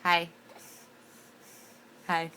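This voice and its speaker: A young woman talking to her baby at home in a gentle, teasing, sing-song way. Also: very slow, a little hiss or hum. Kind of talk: home video chat with a baby.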